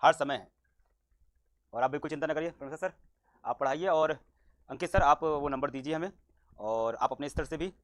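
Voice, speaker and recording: A man's voice: fairly high pitch, moderate pace, pauses often, no room sound. A man who speaks earnestly and reassuringly to a colleague and to students.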